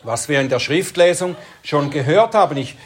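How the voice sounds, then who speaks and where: A preacher giving an expository sermon, explaining Bible verses in a deliberate, measured way. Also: medium pitch, animated.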